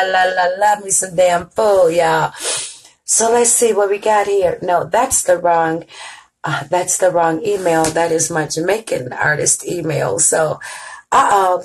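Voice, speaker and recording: A woman's voice: on the low side, slight background noise, rough recording. A middle-aged woman hosting an online music show, chatting playfully with listeners and singing along now and then. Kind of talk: casual live-stream chat.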